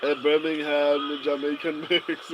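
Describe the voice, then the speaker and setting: A man with a fairly high voice hosts a relaxed fight watch-along stream. He talks slowly, reads viewer comments aloud, chuckles often and stumbles through restarts and "um"s. There is a steady hiss of noise under his voice. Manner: laid-back and chuckling, with many fillers and restarts. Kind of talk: casual live fight commentary, reading chat aloud.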